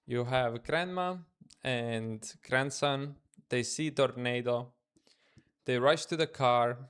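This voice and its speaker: Speaking slowly in a clear, resonant, fairly bright mid-range voice, this Estonian-accented man streams his day trading live from his room. He's a native Estonian speaker using casual, loose English as he muses aloud and answers his chat.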